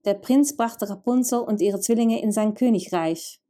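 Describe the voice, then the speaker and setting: A woman narrating a fairy tale, gently addressing the listener directly. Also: on the high side, moderate pace. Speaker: storyteller.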